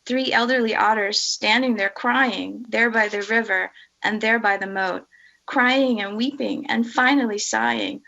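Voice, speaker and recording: A middle-aged Dutch woman, a native speaker from the Netherlands, introduces herself and reads a poem; she is a hospital research director. Her voice is a little high, creaky and fairly bright, and the recording's highs are cut off.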